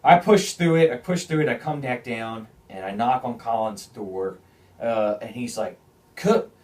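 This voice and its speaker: A young man hosting a casual podcast, telling his story with plenty of swearing and restarts. His voice sits at an ordinary middle pitch. He sounds a bit distant from the microphone. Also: normal speed. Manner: animated, swears often, repeats and restarts phrases. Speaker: podcast host.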